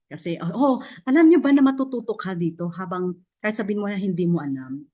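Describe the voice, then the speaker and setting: A woman gives a casual motivational talk to an online audience, speaking off camera. She is a chatty, encouraging mentor who speaks directly to her listeners. Her speech is halting, full of fillers and restarts. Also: medium pitch, lively intonation, mellow. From Philippines. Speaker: mentor sharing her success story. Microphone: off camera, online session mic.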